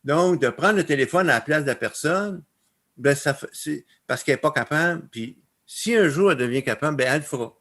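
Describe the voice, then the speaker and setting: A man's voice: fairly high pitch, brisk. A man with a Québécois accent presenting slides on a webinar, telling stories and laughing often. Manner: laughs often, animated storytelling. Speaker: conference speaker.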